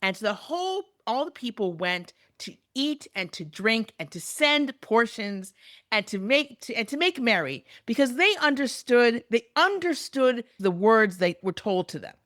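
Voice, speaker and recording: A woman's voice: a little high, very animated, a little slow, a bit bright, no echo. Woman teaching Bible text, dry sound. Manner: reads Hebrew verses aloud, then translates and explains. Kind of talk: recorded lecture.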